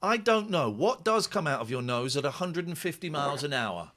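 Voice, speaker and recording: A man's voice: fairly high pitch, big pitch swings, brisk, a bit bright. A middle-aged man hosting a casual late-night phone-in, playful and teasing. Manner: playful, teasing, breaks into laughter. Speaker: radio host. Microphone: studio mic.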